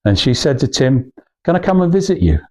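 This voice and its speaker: A guest speaker at a club gives an informal talk to a small audience, sounding hesitant, rambling, and anecdotal as he restarts phrases. His mid-range voice is sing-song, fairly quick, and darkish in tone.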